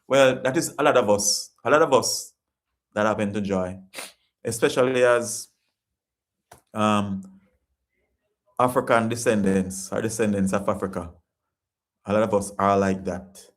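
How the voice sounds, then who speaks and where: A Jamaican man with a fairly low voice speaks at a measured pace, leaving long pauses. He hosts a laid-back live-stream chat, going through viewer comments in an earnest, preachy manner and repeating himself.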